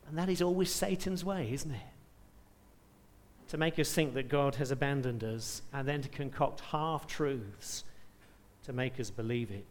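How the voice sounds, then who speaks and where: A man's voice: mid-range voice, long reverb tail. A man preaching a sermon, reading scripture aloud with rising emphasis and asking rhetorical questions.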